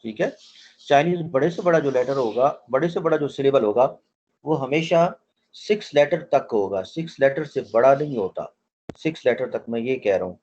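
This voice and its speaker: A man's voice: mid-range voice, expressive, moderate pace, darkish tone, muffled recording. A man teaching a language class online, explaining things step by step and often repeating his point as he quizzes his students. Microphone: online call audio.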